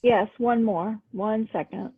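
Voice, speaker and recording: A woman's voice: on the high side, slow, slightly rough. A woman acting as meeting clerk, heard over a group voice call, hesitant and searching aloud as she manages callers. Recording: tinny phone-like call audio.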